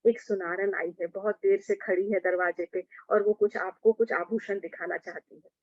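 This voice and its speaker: A woman's voice: medium pitch, steady tone, moderate pace, a little mellow, no echo, lightly acted. A woman voicing a teasing, bossy young maiden companion guarding her mistress's door. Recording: dull lo-fi recording.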